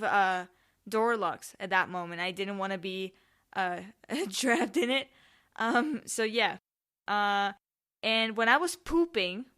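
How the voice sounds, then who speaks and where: This podcast host is a young woman from Spain with relatives in Mexico. Her sharp, clean voice sits at medium pitch as she tells stories solo in a loose, informal way, regularly correcting herself.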